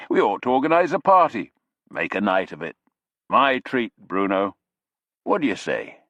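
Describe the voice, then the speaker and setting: Narrator voicing a needling, loud braggart; dry, close recording. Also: male voice, fairly low pitch, big pitch swings, normal speed, no room sound, muffled recording.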